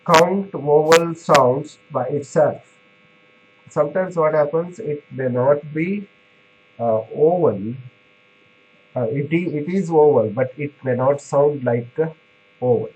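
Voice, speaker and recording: A man's voice: a little high, slow pace, long pauses, highs cut off. A man giving a classroom lecture on pharmacy, explaining step by step with many fillers and restarts, checking in with "right?".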